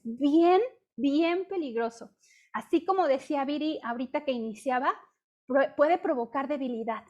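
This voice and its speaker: A middle-aged woman with a Mexican accent giving a conversational testimony sermon to a women's group, speaking over a video call and constantly checking in with her listeners through quick rhetorical questions. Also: sits high. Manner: chatty, peppers talk with rhetorical questions; acts out her own past complaints in dialogue.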